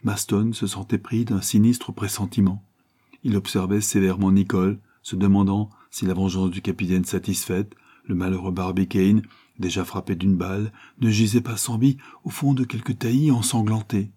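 Low, husky male audiobook narrator. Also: fairly even intonation, moderate pace, dark tone. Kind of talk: scripted novel narration.

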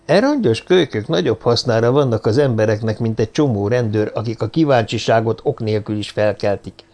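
A man voicing a sharp, coolly ironic male detective in an audiobook reading, with brisk, clipped commands and dry remarks. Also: on the low side, animated.

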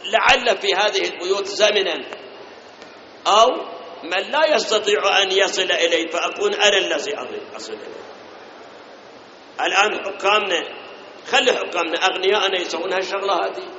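A man with an Iraqi Arabic accent delivers a sermon in a high, bright, forceful voice, questioning his congregation and drawing out chanted verses. The sound rings with long hall reverb and is dull and lo-fi, with a faint hiss underneath. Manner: asks rhetorical questions and addresses listeners directly; chants scripture verses slowly. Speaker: preacher.

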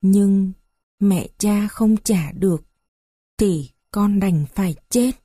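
A woman's voice: medium pitch, takes it slowly, warm tone, husky, no room sound, studio quality. A woman voicing a desperate young daughter-in-law who pleads in a tearful lament. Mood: pleading lament.

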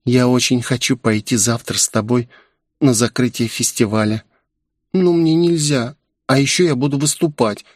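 A man voicing a shy, clingy young woman in an audiobook, speaking in a soft, pleading, raised voice. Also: medium pitch, normal speed, no echo, studio quality, close to an everyday voice. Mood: confiding.

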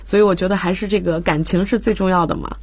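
A woman's voice: on the low side, steady tone, fast, husky, no room sound. A woman teaching English vocabulary on a radio lesson, explaining patiently and spelling words out letter by letter. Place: radio studio.

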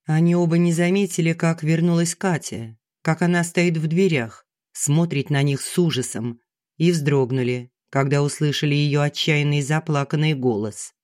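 A steady storyteller reading a novel aloud. The voice is mid-pitched and even, neither high nor low. It is calm audiobook narration. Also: normal speed, no echo, studio quality.

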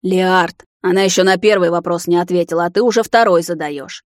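Woman reading a calm vampire dad, measured and soothing, lowish voice. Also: no echo, clean studio sound, close to an everyday voice. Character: vampire father, calm and reasoning.

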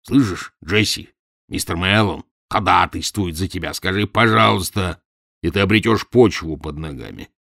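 Man plays domineering, sardonic professor, audiobook; low, booming growl. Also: expressive, normal speed, gravelly, pushed and bright, dry recording, studio quality, exaggerated voice. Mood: gruff mocking. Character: gruff domineering mocking middle-aged professor. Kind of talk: audiobook character voice.

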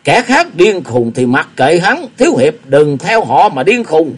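A man voicing an angry, threatening old beggar-sect elder who shouts in a spoken wuxia story. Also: on the high side, very animated, measured pace, husky, pitched above the performer's own voice, heavily acted. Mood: pressing. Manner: shouting, raging.

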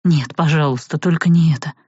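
A woman's voice: deep voice, a little fast, darkish tone, slightly rough, no echo, dull audio. A woman voicing a desperate young man, a future necromancer, pleading breathlessly in an audiobook.

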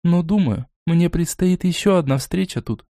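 A man voicing a weary, evasive female elf captive in a raised, soft, tired voice. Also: on the high side, normal speed, no echo, clean studio sound, pitched above the performer's own voice, lightly acted.

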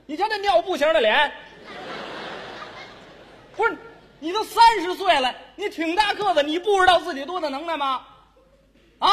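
High, animated man onstage. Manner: mock-scolding, teasing, lively. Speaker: crosstalk comedian. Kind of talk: stage crosstalk comedy. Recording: echoey hall.

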